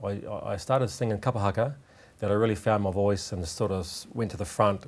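Earnest New man, lowish voice. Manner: earnest, halting with restarts. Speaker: guest, tribute singer. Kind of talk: studio interview. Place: small TV studio set.

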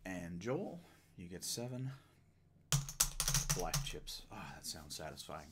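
A man hosting his own channel, making a mock-grand, self-mocking announcement in a pompous, drawn-out way. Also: deep voice, expressive, very noisy. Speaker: host of a card-break channel.

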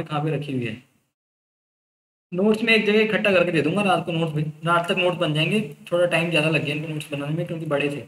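Chatty male teacher, high voice, roomy. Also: fairly bright tone. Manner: chatty, reassuring, explains by intent. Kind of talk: casual online lecture.

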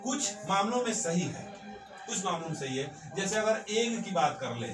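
High-voiced man teaching in an echoey room. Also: animated, normal speed, music in the background. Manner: emphatic, repeats points, often says "sir". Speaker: English teacher. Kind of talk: classroom-style grammar lesson. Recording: echoey room, mic far off, background noise.

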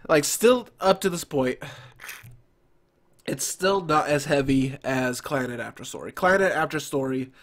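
A young man giving casual, halting reaction commentary, sounding nasal and stuffed up from crying, close to a desk mic. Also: a little high, animated, a bit bright. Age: young adult. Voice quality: nasal, congested. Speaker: anime reaction video host. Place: small furnished room at home. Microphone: close desk microphone, headphones on.

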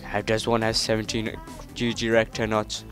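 A man's voice: fairly low pitch, completely flat delivery, normal speed, fairly bright tone, soft background music. A British man hosting a gaming channel, chatting casually through gameplay with friends and yelping when startled.

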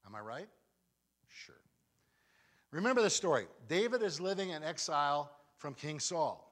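A man preaching a sermon as a guest pastor, telling a story with dramatic swings from loud to hushed. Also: fairly high pitch, lively intonation, normal speed.

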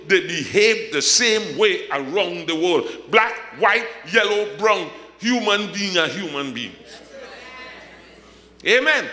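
A man preaching a sermon as a pastor, from the Caribbean, swinging from shouted high points to humorous asides. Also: roomy sound, big-room sound.

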